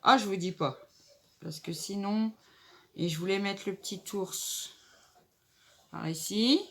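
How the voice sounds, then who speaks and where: A craft vlogger with a cold speaks in a nasal voice from her stuffy nose, chatting casually and thinking aloud while making a table decoration in a laid-back tutorial. She talks slowly at a medium pitch.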